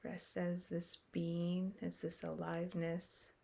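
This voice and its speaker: In a low, gravelly monotone, a woman guides a meditation. She talks very slowly and softly, with long pauses separating her short phrases.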